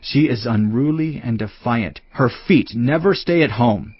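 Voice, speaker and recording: In a dramatised telling of the Bible, this man plays a stern, admonishing fatherly teacher, his medium-pitched voice husky, lively in intonation, and a bit slow. The dry recording is slightly muffled, with music running behind him.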